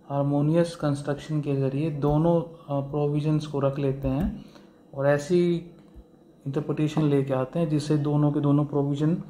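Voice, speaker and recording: A man's voice: fairly high pitch, mellow, slight background noise. A man giving a law lecture, explaining step by step and mixing in English legal terms, with fillers and rhetorical questions. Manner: asks the class rhetorical questions. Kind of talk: classroom lecture.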